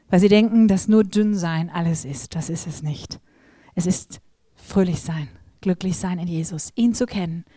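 Middle-aged woman preaching with lively stories. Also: lowish voice, no echo, studio quality. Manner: lively storytelling, acts out quoted voices, addresses audience directly. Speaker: preacher at a women's gathering. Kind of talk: sermon.

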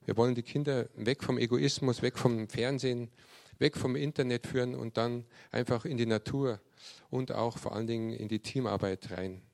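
A man giving a sermon to a youth group, reading scripture and telling the story with lively acted-out quotes. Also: mid-range voice, moderate pace, vocal fry. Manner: lively storyteller who acts out quoted speech.

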